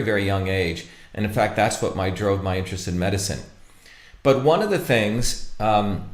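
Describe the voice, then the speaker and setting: A man from India, giving an informal lecture with stories, halting and full of fillers and restarts. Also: on the low side, reverberant. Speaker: speaker presenting a talk.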